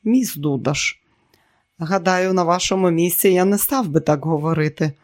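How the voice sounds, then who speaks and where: A man's voice: on the high side, moderate pace, natural voice. A man voicing a tall, respectable male company official in an audiobook, speaking politely and formally.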